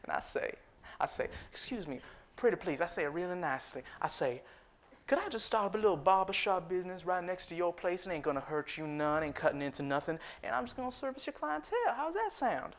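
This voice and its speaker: A man's voice: fairly high pitch, brisk. A man playing a chuckling freed-slave barber. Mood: boastful. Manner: folksy, chuckling, animated storytelling with frequent fillers. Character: proud freed-slave barber entrepreneur, boastful, chuckling storyteller. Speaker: historical reenactor. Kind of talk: first-person living history monologue.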